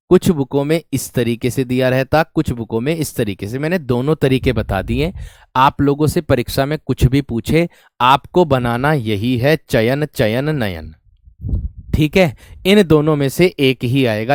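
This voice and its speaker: In an online exam-prep class, a man teaches grammar step by step, repeating each question to his students. His medium-pitched voice is recorded in a clean studio with no echo.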